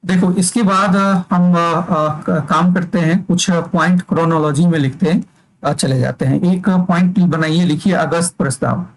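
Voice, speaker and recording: A man's voice: a little high, steady tone, measured pace, low-quality recording. A male teacher giving an exam-prep lecture, dictating points for students to write down and checking that they follow.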